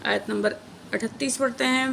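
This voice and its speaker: A woman teaching a word-by-word tajweed lesson, drawing out each recited word slowly, then spelling letters and vowel marks in quick explanations. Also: a little high, fairly even intonation, vocal fry, a bit bright, slight background noise.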